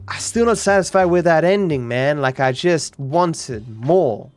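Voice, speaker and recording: A man's voice: on the high side, lively intonation, a little slow. Cultivated, British-leaning Australian man streaming. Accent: cultivated Australian, close to British. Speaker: livestream host, speedrunner. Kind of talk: casual chat while gaming. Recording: music behind the voice. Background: music.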